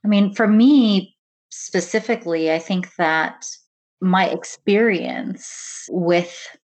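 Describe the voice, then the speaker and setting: A woman from the United States speaking in an interview about her work leading diversity and inclusion, earnest and measured, often saying "really" and "kind of.". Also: lowish voice, darkish tone. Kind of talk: conversational interview.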